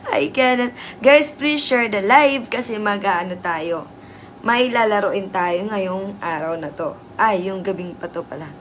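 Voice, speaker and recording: A hoarse woman hosting a casual livestream, chatty and teasing as she greets viewers. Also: mid-range voice, a little slow, a bit bright, a little hiss or hum. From Southern Leyte, Philippines. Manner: chatty, teasing, laughs often. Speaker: livestream host.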